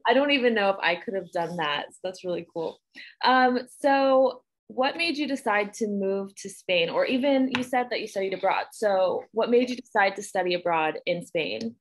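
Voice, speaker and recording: A woman's voice: medium pitch, moderate pace. A young woman hosting a casual interview over a video call, asking questions with frequent hesitations. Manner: friendly, hesitant with fillers. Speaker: host. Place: small room indoors.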